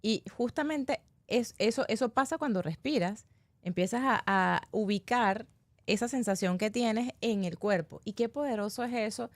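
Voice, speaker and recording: A woman's voice: on the high side, moderate pace, dry recording. A woman who is a breathing specialist, joining a live online workshop and sharing thoughtful personal reflections.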